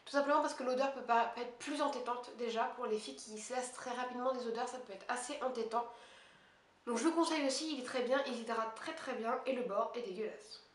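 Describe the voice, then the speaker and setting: A woman beauty vlogger talking quickly and casually at home, chatty and poking fun at herself. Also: on the high side. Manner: fast, chatty and self-mocking. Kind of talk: casual monthly favorites haul chat. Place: her apartment. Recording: echoey room with faint hiss.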